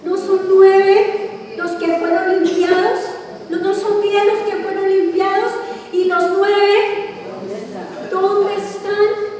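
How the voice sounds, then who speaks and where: A woman's voice: very high-pitched, little pitch movement, slow, a little mellow. A woman pastor preaching a sermon, asking the congregation questions and stretching her emphatic words. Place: large church hall. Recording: echoey hall from far off.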